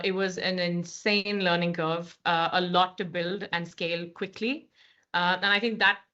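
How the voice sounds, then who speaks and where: In a podcast interview, an Indian-accented woman in her thirties, a managing director, speaks with a fairly low, bright and forceful voice. Though articulate, she uses frequent fillers and restarts. The recording is slightly dull and lo-fi.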